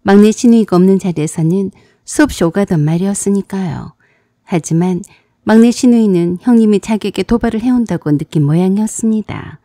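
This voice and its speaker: A woman calmly narrating a family story in the first person, in an even storytelling manner. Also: medium pitch, a little fast, dry recording, clean studio sound.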